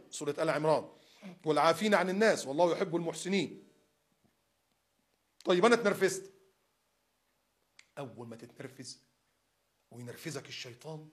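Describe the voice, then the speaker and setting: A man in his fifties with an Egyptian accent, giving a casual religious talk, acting out examples and firing rhetorical questions. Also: on the high side. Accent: Egyptian Arabic. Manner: animated, acts out examples, asks rhetorical questions. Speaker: preacher.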